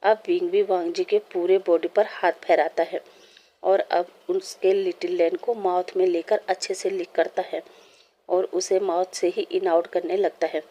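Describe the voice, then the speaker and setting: A woman reading fan fiction aloud in steady storytelling narration. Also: lowish voice, measured pace.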